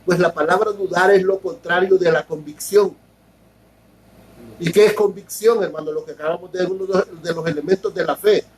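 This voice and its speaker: Husky high-voiced male pastor preaching. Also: fairly even intonation, low-quality recording. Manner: explains slowly, repeats words and keeps asking ¿verdad?. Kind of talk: sermon.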